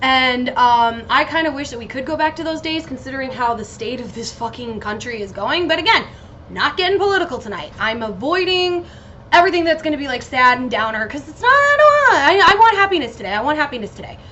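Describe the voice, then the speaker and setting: A woman's voice: high voice, very animated, brisk, bright, forceful tone. An American woman hosting a solo podcast in a casual, rambling, sweary chat, giggly and scattered as if slightly loopy on painkillers. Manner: giggly, scattered, easily losing her train of thought. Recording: muffled lo-fi home recording with noticeable noise.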